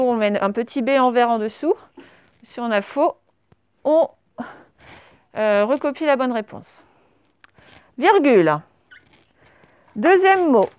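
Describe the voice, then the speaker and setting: A woman teaching a primary school class, correcting a dictation and spelling words out letter by letter with patient pauses. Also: sits high, clean tone, no room sound. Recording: dull lo-fi sound.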